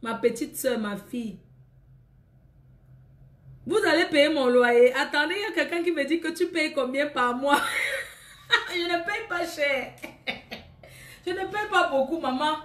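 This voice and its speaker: A woman's voice: high voice, normal speed, echoey room. A woman selling clothes on a live stream, chatting with her viewers in a scolding, teasing, laughing way.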